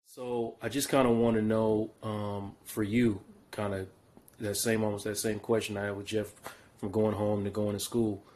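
A man's voice: lowish voice, flat delivery, moderate pace, a little mellow. A man hosting a podcast, asking questions hesitantly with many fillers and restarts. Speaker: podcast host. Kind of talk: casual interview.

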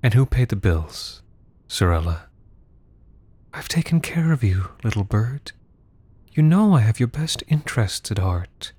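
A man's voice: fairly low pitch, normal speed, no echo, natural voice. A man voicing Kaizen, a cold, menacing older woman. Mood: menacing, coaxing. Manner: soft, murmured, quietly menacing. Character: commanding sixty-something woman, cold and manipulative.

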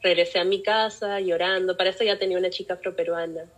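A young woman speaks with a Peruvian Spanish accent and a somewhat low voice. She tells her story with animation as an interview guest, often slipping into the voices of the people she quotes. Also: steady tone, quick pace, poor audio. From Peru. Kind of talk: personal storytelling in a podcast interview.

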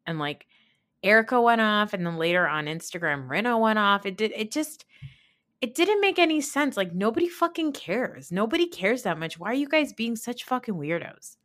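Her voice is medium-pitched, expressive and fairly bright, moving at a moderate pace. She's a woman in her thirties hosting a podcast, giving casual, blunt reality TV commentary with lots of swearing, emphatic retelling, and imitations when quoting others.

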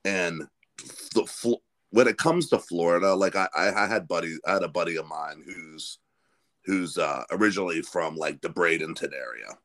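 Deep-voiced rambling man, podcast host. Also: moderate pace, fairly bright tone. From Pennsylvania. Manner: rambling, many restarts and "like". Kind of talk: casual chat.

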